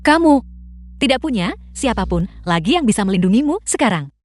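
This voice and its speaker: A woman's voice: on the high side, sing-song, fairly quick, no room sound, studio quality. A woman dubbing a confident young heiress in a drama, speaking coolly and firmly. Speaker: dub actress. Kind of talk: dubbed drama acting.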